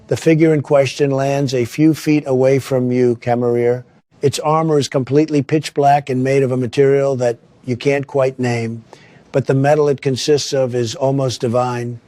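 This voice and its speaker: Flat-voiced man as dungeon master. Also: mid-range voice, normal speed, dry recording. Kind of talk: narrating a tabletop game.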